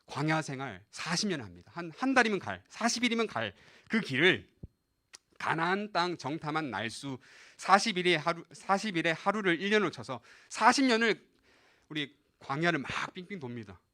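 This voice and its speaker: Lively, bright-voiced male pastor preaching. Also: on the high side, normal speed. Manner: animated, addresses listeners directly and acts out scripture quotes. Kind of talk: live sermon to a youth service.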